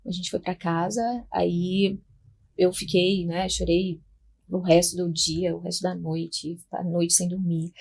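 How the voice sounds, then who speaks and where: A woman's voice: mid-range voice, darkish tone, slightly rough. A woman on a podcast telling her story as a mother, emotional and acting out the voices in the conversations she describes. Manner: emotional, re-enacting dialogue.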